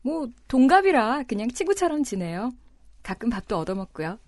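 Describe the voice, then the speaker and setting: A bashful thirty-something teacher. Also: female voice, on the high side, very animated, normal speed, no room sound. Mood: shy. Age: 30s. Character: shy 33-year-old female dorm supervisor teacher. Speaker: voice actor. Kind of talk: Korean audio drama acting.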